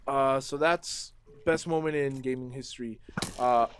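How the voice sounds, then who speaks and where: A man's voice: medium pitch, fairly even intonation, a little slow, a little hiss or hum. A young man chatting casually at home while playing a game, rambling and restarting sentences as he tells stories and answers viewer questions. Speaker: gaming vlogger.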